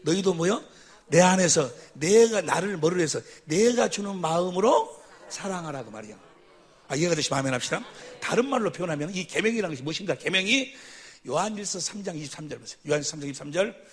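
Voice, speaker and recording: A man preaching at a church seminar, who keeps quizzing the audience and calling for amens, sometimes bursting into shouts. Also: high voice, expressive, fast talker, breathy edge. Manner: quizzes the audience with constant questions; calls for amens after each point. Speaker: pastor. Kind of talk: seminar sermon teaching.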